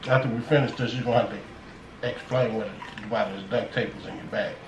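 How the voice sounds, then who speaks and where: A man's voice: fairly low pitch, steady tone, fast. A man on a food vlog, chatting casually and teasing in joking banter. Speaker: mukbang vlogger. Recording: echoey room with clear background noise.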